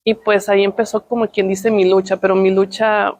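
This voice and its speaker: A middle-aged woman, telling her personal testimony in an emotional, halting way, often repeating words. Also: mid-range voice, flat delivery, darkish tone. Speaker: testimony speaker.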